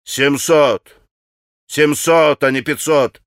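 Male narrator as a flustered young man begging, voice a bit high. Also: steady tone, takes it slowly, a bit bright, clean tone, no echo, clean studio sound. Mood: desperate. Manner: pleading, faltering.

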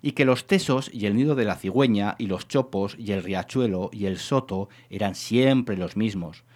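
A man reading a literary short story aloud in a measured, expressive storytelling manner. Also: fairly low pitch. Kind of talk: scripted literary narration.

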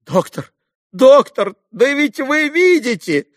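Desperate pleading captain, shrill, high-pitched, imploring, storybook reading. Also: male voice, expressive, normal speed, breathy edge, dry recording, studio quality, heavily acted. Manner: frantic, imploring. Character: desperate poor male army captain, pleading.

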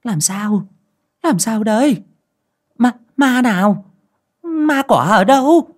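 A man voicing a grieving old village widow who wails her lament in a high, tearful, sing-song voice. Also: expressive, slow, full character voice. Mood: alarmed. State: crying.

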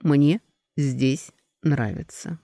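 A man voicing a calm, stubborn young man who quietly stands up to his mother in an audiobook. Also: fairly high pitch, normal speed, vocal fry, no room sound, studio quality. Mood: firm. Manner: quiet, calm, softly firm. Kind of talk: audiobook character voice.

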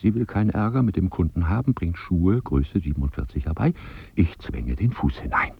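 A man's voice: animated, normal speed, vocal fry, breathy edge, no echo, narrow, tinny audio, full character voice. An actor playing a self-conscious man who narrates his unease with his own body, in a radio drama. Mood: brooding. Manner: brooding inner monologue, bursts into shrill rage. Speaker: first-person narrator of a radio play.

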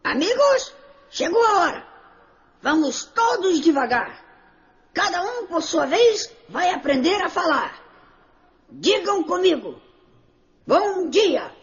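A woman's voice: very high voice, sing-song, slow pace, long pauses, dull audio, exaggerated voice. A woman voicing a lonely young male parrot in a children's musical story, talking in an eager, sing-song way. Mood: coaxing.

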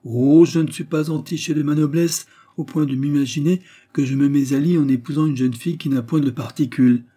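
Man reading as an awkward young nobleman in love, hesitant, soft, warm husky voice. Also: mid-range voice, normal speed, natural voice. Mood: hearty. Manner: hesitant, soft, self-deprecating.

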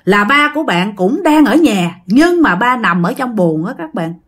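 A woman with a Southern Vietnamese accent, narrating a ghost story to her listeners in lively quoted speech. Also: fairly high pitch, normal speed.

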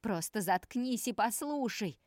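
Woman doing a raging, tearful young male vampire for an audiobook; pitch pushed up, dry close read. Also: moderate pace, dry recording, natural voice. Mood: angry pleading. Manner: shouting, pleading outbursts.

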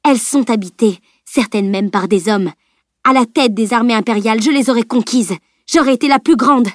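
A woman's voice: on the high side, moderate pace, dry recording, clean studio sound, lightly acted. A woman voicing a dying, power-mad female sorceress who spits contempt and hatred in an audiobook reading. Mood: grandiose. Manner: spitting venom, grandiose and contemptuous.

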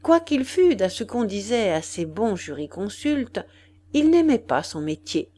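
Slow, lively-voiced woman reading a classic. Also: mid-range voice. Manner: expressive, measured literary reading. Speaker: audiobook narrator. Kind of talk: audiobook reading of a classic memoir.

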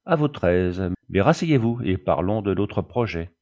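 A man reading the part of a calm, sardonic frontier lieutenant who answers curtly and dryly. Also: low-pitched, measured pace. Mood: cool. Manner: curt, calm, dry. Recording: dull lo-fi recording.

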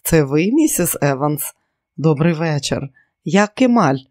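Audiobook: anxious adult woman read by a man, earnest, somewhat higher voice, dry booth. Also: big pitch swings, unhurried, a little mellow, no echo. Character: worried working mother, adult woman.

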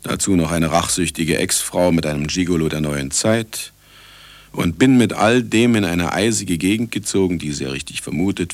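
In a German radio play, a man with a low-pitched voice plays an irascible older scientist who also narrates, delivering the part in a theatrical, commanding style. The recording is dry.

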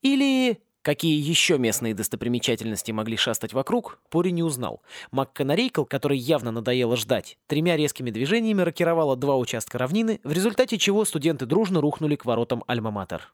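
A man narrating a satirical fantasy audiobook with a lively, expressive reading. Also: medium pitch, fast, hardly any pauses, no room sound. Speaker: audiobook reader.

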